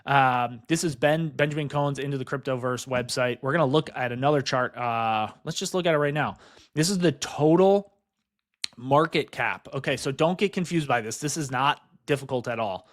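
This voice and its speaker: A man giving excited, fast-talking commentary on crypto markets over charts, often calling out to "guys" and asking "right?". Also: medium pitch. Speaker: crypto investing YouTuber.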